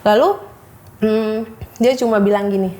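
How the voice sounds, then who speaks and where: Woman in her 30s, talks slow and halting with lots of ums, retells doctor chats. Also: medium pitch, fairly even intonation, darkish tone. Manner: hesitant, many fillers, quotes doctors in dialogue. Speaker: guest sharing her story. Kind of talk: emotional personal testimony.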